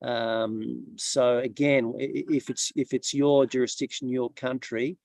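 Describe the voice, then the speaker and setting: A man on an online webinar panel, explaining his points in a measured way with a few restarts. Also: mid-range voice, level tone, vocal fry, darkish tone, dry recording. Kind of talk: casual online webinar talk.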